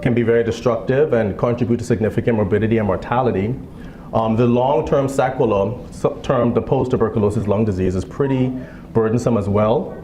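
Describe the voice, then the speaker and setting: A man from the Bahamas in his thirties, a physician giving a fundraiser speech with a relaxed manner and joking asides. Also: mid-range voice, a little fast. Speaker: guest speaker, physician. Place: event hall. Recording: echoey hall with background noise.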